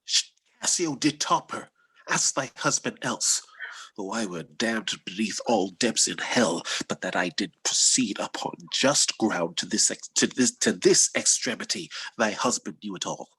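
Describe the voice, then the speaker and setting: A man's voice: lowish voice, expressive, a little slow, pushed and bright, breathy edge, heavily acted, poor audio. A man playing a tormented, jealous husband and lord, brooding and declamatory, in a Shakespearean tragedy reading. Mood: bitter self-justifying. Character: tormented, jealous husband and military lord who has killed. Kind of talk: Shakespearean tragedy cold read.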